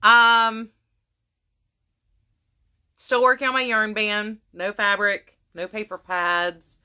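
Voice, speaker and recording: A woman's voice: mid-range voice, little pitch movement, slow pace, sharp tone, smooth. A woman chatting casually to her viewers about her crafts, rambling with many restarts, her voice starting to go. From United States. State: losing her voice. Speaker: crafting vlogger. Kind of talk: casual chat to camera.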